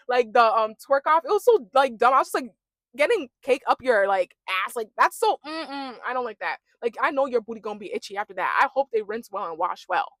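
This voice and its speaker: A young woman giving a casual, animated rant as she recaps a reality show, talking in chatty slang. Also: a little high, fairly quick, dry recording.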